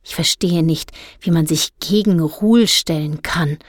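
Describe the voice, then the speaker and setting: A woman voicing a snippy, self-righteous teenage girl in an audiobook, lecturing in a low voice. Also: measured pace, no room sound, clean studio sound. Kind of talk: audiobook character voice.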